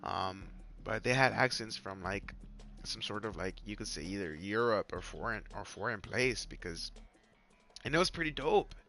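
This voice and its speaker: This live gaming stream has a young Mexican-accented man with a fairly low, pushed and bright voice talking at normal speed with lively intonation. He rambles casually, repeating himself and saying "like" and "you guys" constantly, over faint music.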